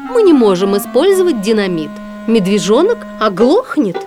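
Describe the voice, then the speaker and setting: A woman's voice: on the high side, big pitch swings, normal speed. Woman voicing a wise old owl. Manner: knowing, scolding. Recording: music playing behind.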